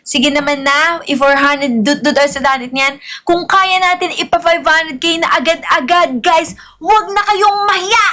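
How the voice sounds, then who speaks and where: A Filipino-accented woman runs a live gaming stream with constant hype and coaxing. Her voice sits very high and sounds bright and forward, while still soft and calming. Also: measured pace. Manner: upbeat hype, coaxing viewers to follow and repost.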